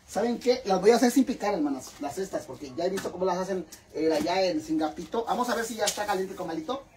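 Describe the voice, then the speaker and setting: A man's voice: sits high, expressive, quick pace, darkish tone, a little hiss or hum. A man with a Mexican accent talking in a casual cooking vlog. He is dramatic and chatty, swears freely, and keeps calling his viewers sisters. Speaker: vlogger.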